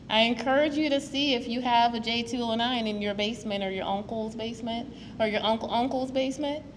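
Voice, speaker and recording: A woman from Guyana gives an earnest, storytelling public talk to an audience as a preservation advocate at a museum. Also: a little high. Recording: long hall reverb, faint noise.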